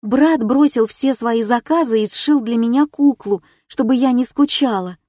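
A woman's voice: a little high, moderate pace, mellow, dry recording, studio quality, pitched above the performer's own voice, close to an everyday voice. A woman voicing a frightened, faltering young girl in an audiobook. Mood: recalling. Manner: anxious, faltering. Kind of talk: audiobook character voice.

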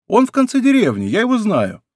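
A man's voice: high voice, huge pitch swings, brisk, a little mellow, dry recording, clean studio sound, voice pushed up, heavily acted. A man voicing a loyal, practical manservant in an audiobook, speaking in an eager, alert way. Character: loyal male servant, practical and wary. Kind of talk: audiobook character voice.

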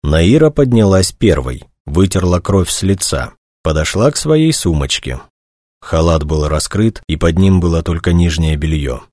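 Male narrator, deep voice, measured audiobook reading, dry recording. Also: expressive, a little mellow, no echo.

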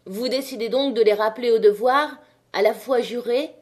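A woman voicing a male miner who leads a strike, addressing a crowd with rousing, forceful speech in an audiobook reading. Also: a little high, normal speed, voice pushed up, lightly acted. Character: male miner, strike leader, fiery orator.

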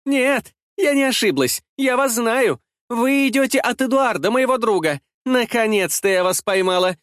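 A man voicing a coarse, jealous woman who blackmails and mocks with a shrill, piercing voice. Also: lively intonation, normal speed, no room sound, clean studio sound. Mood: furious. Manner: shrill, mocking, shouting.

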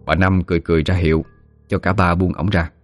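A man with a Southern Vietnamese accent narrating a ghost story in a steady way. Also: sits low, fast talker, faint music behind.

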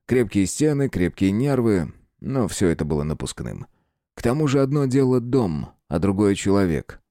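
A man reads a horror novel aloud in a low, dark voice. His delivery is expressive, with a lively sweep of pitch, and the recording is close and dry. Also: normal speed, no echo. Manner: expressive and tense storytelling. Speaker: audiobook narrator. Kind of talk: scripted narration.

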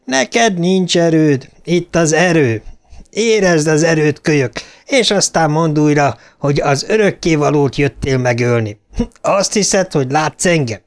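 A man's voice: a little high, voice pushed up, lightly acted. A man voicing an ancient, evil female spider monster in an audiobook, grandiose and taunting. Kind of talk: audiobook character voice.

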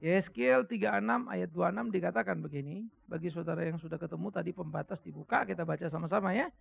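Gravelly, high-pitched male preacher on a tinny recording. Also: fast. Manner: animated, emphatic storytelling preacher. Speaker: pastor. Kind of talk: sermon.

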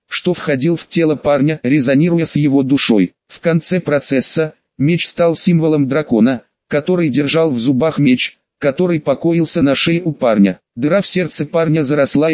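A man reading an audiobook in an even, steady way. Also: on the high side, no echo. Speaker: audiobook reader. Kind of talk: audiobook narration. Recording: dry, dull lo-fi audio.

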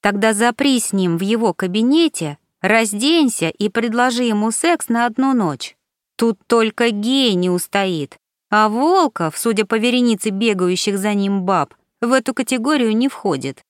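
A woman's voice: fairly high pitch, expressive, moderate pace, no room sound, lightly acted. Woman reading as a cheeky young woman pal, blunt and teasing, dry close sound.

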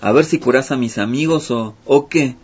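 A man's voice: medium pitch, normal speed, a little mellow, slightly rough, close to an everyday voice. A man voicing a boastful, cheeky male fox who brags and talks back. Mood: brash. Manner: brash, bragging. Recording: muffled with faint music.

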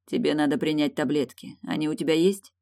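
A woman reading an audiobook voices a restrained, serious young man, measured and firm. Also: deep voice, creaky, warm tone. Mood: calm tender.

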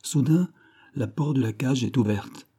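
A man's voice: mid-range voice, a little slow, dark tone, husky, voice pushed up. A man voicing a pompous, lecturing animal dealer. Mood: grandiloquent. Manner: grandiloquent, declamatory, fond of rare words. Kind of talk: audiobook character reading.

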